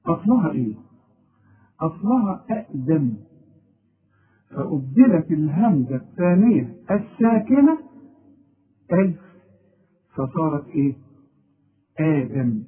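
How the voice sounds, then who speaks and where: A man with an Egyptian Arabic accent teaching a recitation lesson, asking and then answering his own questions and stressing key words. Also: a little high. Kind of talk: explanatory lesson. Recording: tinny phone-like audio.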